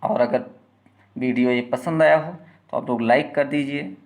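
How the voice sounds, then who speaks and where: A man teaching a lesson, who poses questions and answers them himself and stretches sounds out slowly to demonstrate them. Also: mid-range voice, gravelly. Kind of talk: classroom-style lecture.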